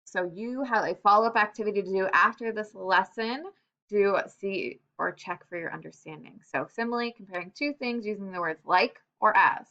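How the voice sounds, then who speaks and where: A woman teacher giving a recorded lesson to young children, upbeat, slowing down to stress example phrases. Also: mid-range voice, pushed and bright. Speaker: elementary school teacher. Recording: slightly dull computer-mic sound.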